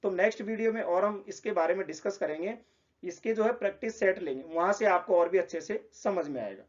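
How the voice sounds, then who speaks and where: A man's voice: high-pitched, brisk, lo-fi sound. A man explaining a lesson, patiently repeating example words. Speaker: teacher.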